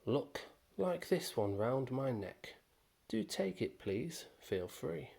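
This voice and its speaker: A hairy storybook troll, as a man puts him on booms slowly and loudly in a very posh, husky voice. He is gruff on the surface but kindly underneath. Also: sing-song, heavily acted. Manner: loud, slow and booming, very posh.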